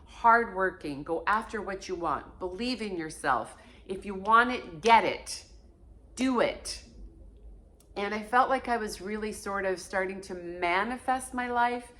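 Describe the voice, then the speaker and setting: Speaking from her own home, this woman in her fifties, originally from Portugal, vlogs a frank, emphatic personal monologue with casual swearing. Her medium-pitched voice is animated yet unhurried, and fairly bright.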